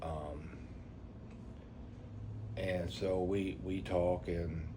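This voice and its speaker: Middle-aged male vlogger, low register, toothless slurred diction with a speech impediment, unscripted reflective monologue over some background noise. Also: little pitch movement, very slow. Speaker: vlogger introducing a channel. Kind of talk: unscripted reflective talk to viewers.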